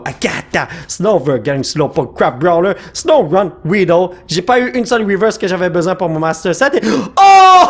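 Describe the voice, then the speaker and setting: A young man with a Quebec French accent hosts a card-opening vlog, his voice sitting high and swinging widely. He sounds a little hoarse and keeps rattling off card names with eager excitement. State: slightly hoarse from shouting. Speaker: YouTuber opening trading card packs.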